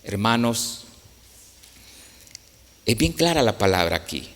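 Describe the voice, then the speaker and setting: A man's voice: on the low side, big pitch swings, slow pace, vocal fry, a bit bright. A man preaching a sermon, speaking earnestly and directly to the congregation in a church. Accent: Latin American Spanish. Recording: echoey hall with long reverb.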